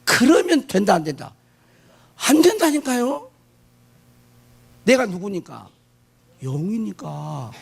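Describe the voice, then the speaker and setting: Animated, husky-voiced Korean pastor preaching. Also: male voice, high voice, slow, pauses often. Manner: emphatic, asks the congregation questions and answers them; swings between hushed asides and shouted declarations. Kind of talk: sermon.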